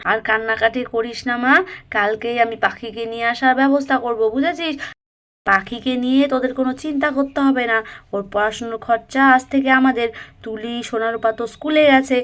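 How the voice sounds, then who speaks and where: A caring elderly mother-in-law, voiced by a woman in a children's doll story. She soothes and gently scolds like a mother, in a fairly high voice. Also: fairly quick, natural voice. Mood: consoling.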